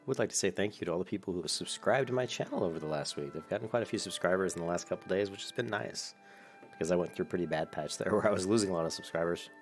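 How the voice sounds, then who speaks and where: A man's voice: deep voice, racing, soft background music. A man hosting his gaming channel, talking through his gameplay in a chatty, rambling way from a desk mic at home. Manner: chatty, rambling, self-correcting. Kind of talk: casual gameplay commentary. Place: home room at a large desk.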